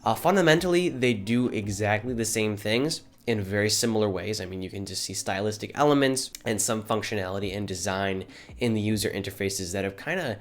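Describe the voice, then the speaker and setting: A man's voice: on the low side, a little fast. A young man from Michigan with a stuffy, nasal voice from a cold, casually narrating a tech comparison video with lots of fillers. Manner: relaxed, filler-heavy, says kinda a lot.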